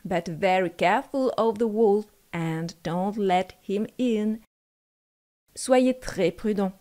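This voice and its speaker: A woman voicing a caring, protective mother goat in a storybook, warning her young in a gentle, careful way. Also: medium pitch, takes it slowly, lightly acted.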